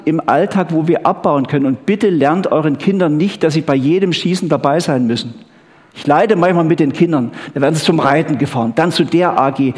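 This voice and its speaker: A man's voice: on the high side, darkish tone. A man preaching a chatty sermon, often checking in with the crowd with "gell?" and "ha?". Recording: long hall reverb.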